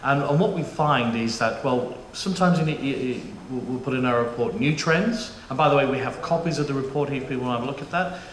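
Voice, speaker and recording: Talking quickly with hardly any pauses, a middle-aged man from the United Kingdom moderates a conference panel, his voice at a typical male pitch and a touch of something in his vowels. He jokes, chats, and keeps restarting sentences with fillers. His words ring around an echoey auditorium above a faint room hum.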